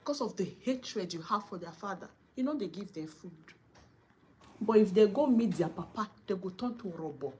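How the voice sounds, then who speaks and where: A woman's voice: medium pitch, lively intonation, normal speed, dark tone, a little hiss or hum. A Nigerian woman vlogger giving indignant, scolding commentary, mixing English and Pidgin.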